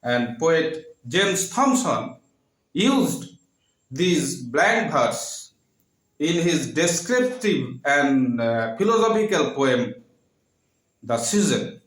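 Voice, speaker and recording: Slow, halting man lecturing in an echoey room. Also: on the high side, sing-song. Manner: slow, halting, repeats terms with many fillers. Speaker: literature teacher. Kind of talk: classroom lecture.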